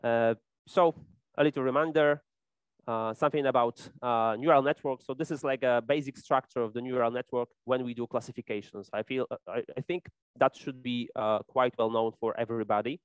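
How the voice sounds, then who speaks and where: Guy giving a tech talk, lots of uhs and restarts, smooth clear voice, dry sound. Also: medium pitch, fairly even intonation, fairly quick, no room sound. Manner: hesitant, many fillers and restarts. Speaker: conference speaker. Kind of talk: technical conference talk. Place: conference hall.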